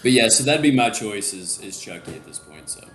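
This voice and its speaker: A man's voice: lowish voice, expressive, a little fast, a bit bright, roomy sound, faint music behind. A man chatting as a guest on a video call, rambling with lots of fillers. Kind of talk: casual group video chat.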